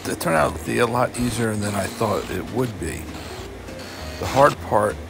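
An older man narrating his own woodworking project in a casual, halting way with many fillers. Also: fairly low pitch, animated, vocal fry, music in the background. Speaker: homesteader vlogger. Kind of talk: casual DIY voice-over narration.

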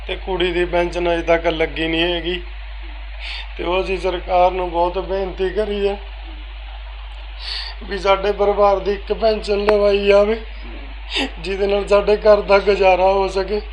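A man speaks in a high, flat voice. He answers softly and casually in an interview. A faint background ambience sits under his voice. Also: a little hiss or hum, rough recording. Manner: soft-spoken, repeats "veere" often. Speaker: interviewee, family member.

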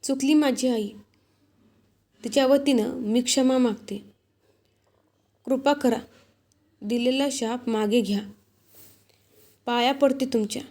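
A woman reading the part of a humble young princess begging forgiveness in a devotional storybook. The voice sits a little high and soft in tone, and the words come slowly. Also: steady tone, exaggerated voice. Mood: pleading. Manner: pleading, apologetic.

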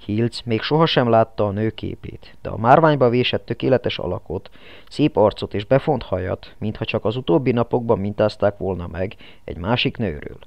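Low-voiced male audiobook narrator. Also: creaky, no room sound. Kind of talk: scripted narration. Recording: dull lo-fi, dry.

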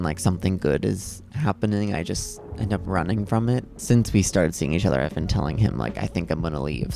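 A man in his twenties talking casually to camera in a vlog at his parents' home, self-deprecating and calling his own voice monotone. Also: lowish voice, gravelly. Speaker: vlogger.

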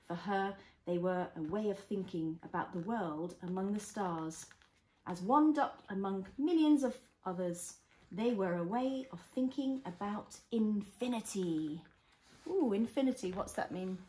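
A mother reads a picture book expressively to her toddler in a small living room, adding simple explanations and little questions. Her medium-pitched voice is a little slow with a darkish tone, and the home room gives a roomy echo.

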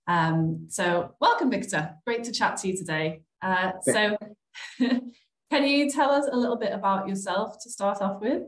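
A woman's voice: mid-range voice, unhurried. Young woman host in an echoey room. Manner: friendly, reads introductions with fillers. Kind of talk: scripted introduction and interview questions. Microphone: laptop webcam on a video call. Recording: echoey room on a video call.

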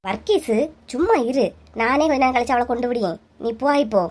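A woman's voice: a little high, animated, fast talker. A woman voicing a village wife who scolds and tries to settle a quarrel, with a Kanyakumari Tamil accent. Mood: scolding. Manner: scolding, bossy. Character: middle-aged village wife scolding and mediating. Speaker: channel creator voicing characters. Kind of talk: cartoon voice acting.

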